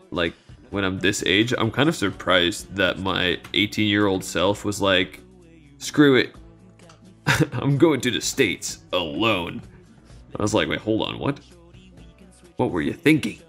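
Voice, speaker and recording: A man in his twenties from Belgium, chatting casually and rambling with fillers and soft laughs while streaming. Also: on the low side. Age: 20s. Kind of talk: casual live-stream chat.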